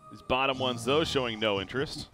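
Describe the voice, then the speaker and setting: A man casting a live competitive video game match, calling the plays quickly and getting excited at the big moments, with frequent fillers and restarts. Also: medium pitch, faint music behind. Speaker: esports caster.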